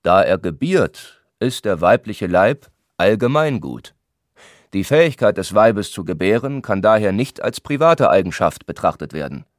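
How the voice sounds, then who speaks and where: A man's voice: on the low side, big pitch swings, no echo, clean studio sound. A man doing an irritable dogmatic man. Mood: irritated, dogmatic. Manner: slow, emphatic, irritated. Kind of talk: audiobook character voice.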